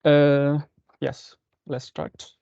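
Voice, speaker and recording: Over a lo-fi online call picked up by his computer, a young adult master's student from Indonesia presents formally in an Indonesian accent. He talks extremely slowly in a slightly high, level voice with vocal fry, and his tone is mellow and clean in a dry, dull recording.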